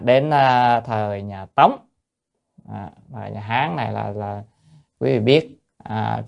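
A man who is a Buddhist monk, lecturing on a sutra in a loose, hesitant way with many fillers, chanting lines of classical text slowly before explaining them plainly. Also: medium pitch, creaky.

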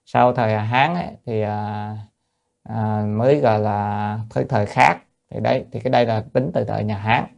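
A man who is a Buddhist monk, lecturing on a sutra in a loose, hesitant way with many fillers, chanting lines of classical text slowly before explaining them plainly. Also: fairly low pitch, fairly even intonation, gravelly, a little mellow, dull audio.

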